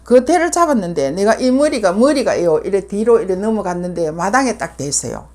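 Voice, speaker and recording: A woman's voice: medium pitch, big pitch swings, a little fast, a little mellow. Older Gyeongsang woman telling her story. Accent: Gyeongsang Korean. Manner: vivid retelling with many fillers, acting out others' words. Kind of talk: casual storytelling.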